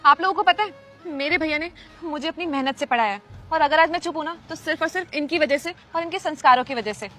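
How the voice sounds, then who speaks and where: A woman's voice: high voice, fast talker, a bit bright, soft background music. A woman playing a poor young woman selling goods, honest and proud, speaking in a pleading then firm, dignified manner. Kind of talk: amateur web drama acting.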